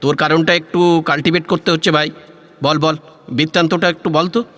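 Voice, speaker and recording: A man's voice: on the high side, steady tone, brisk, fairly bright tone, in a large hall, lightly acted. A man acting a playful, nosy elderly man in an old-style radio drama, teasing, repeating words and drawing out phrases. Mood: probing.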